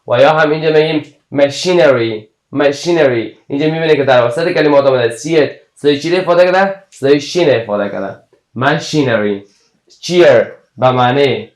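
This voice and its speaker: A man's voice: mid-range voice, reverberant. Methodical male teacher, Afghan Dari accent. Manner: methodical, repeats each example word and gives its meaning. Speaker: English teacher. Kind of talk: explaining English letter combinations.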